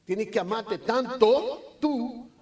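A middle-aged man speaks to a crowd in a motivational talk. His voice sits high, and he tells personal stories with a playful, joking manner, imitating engine noises as he goes. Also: takes it slowly. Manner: lively, joking, imitates motor sounds. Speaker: motivational speaker at a business meeting.

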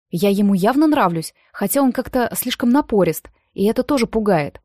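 A woman narrating a first-person audiobook with an even storytelling delivery. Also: medium pitch, no echo, clean studio sound.

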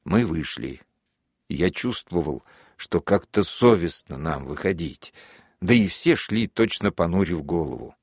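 A man reads a classic novel aloud in a measured, even narration. His voice sits fairly low. The recording is dry and close, with no room sound. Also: slightly rough, dry recording. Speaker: audiobook narrator. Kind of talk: scripted literary narration.

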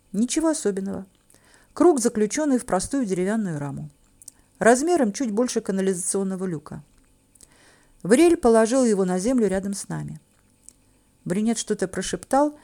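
A woman's voice: medium pitch, warm tone. A woman narrating a first-person fantasy audiobook, telling it dramatically with wry asides.

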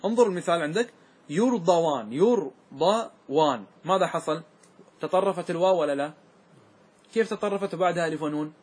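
A man's voice: a little high, fast, long pauses, breathy edge. A man teaching a grammar class, quizzing his students and repeating their answers.

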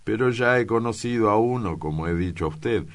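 A man voicing a hot-tempered, vengeful male priest who talks in loud, insistent outbursts. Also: lowish voice, expressive, a little fast, voice pushed up, lightly acted. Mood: blustering.

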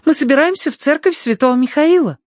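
A man voicing an excitable, spoiled young Victorian girl with a high, squealing voice in an audiobook. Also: fast talker, dry recording, clean studio sound, natural voice. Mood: excited, shrill.

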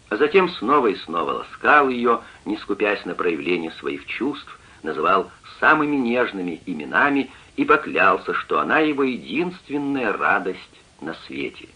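Husky, expressive male narrator. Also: poor audio. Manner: dramatic, expressive reading with wide swings of pitch. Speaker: audiobook narrator. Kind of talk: expressive scripted narration of a classic novel.

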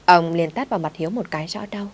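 Low-voiced woman narrating a story. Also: fast, husky. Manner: voices every character in one steady reading. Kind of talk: narrated family drama audiobook.

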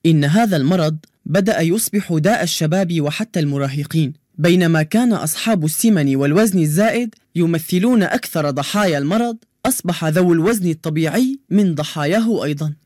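A cheerful high-voiced joker. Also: male voice, lively intonation, quick pace, a little mellow, no echo, clean studio sound. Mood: informative. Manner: cheerful, playful storyteller. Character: cheerful joke-telling young male quiz contestant. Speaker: radio show character who answers quizzes and tells jokes. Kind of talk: children's radio drama.

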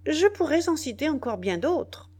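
Lady reading as a cocky soldier bragging about what he did, emphatic, medium-pitched voice, storybook reading. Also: measured pace, a little mellow, close to an everyday voice. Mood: proud. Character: proud, boastful rebel soldier, then bewildered.

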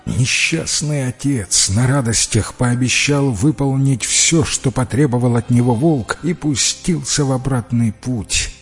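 A man narrating a fairy-tale audiobook with expressive storytelling. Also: medium pitch, measured pace, hardly any pauses, slightly rough, soft background music.

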